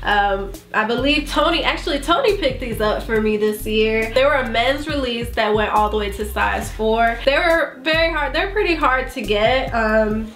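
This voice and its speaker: A sneaker vlogger with bronchitis talks casually in a congested, nasal voice packed with fillers, reviewing in an echoey room with faint music. Her voice is slightly high and a bit bright, moving at normal speed with hardly any pauses.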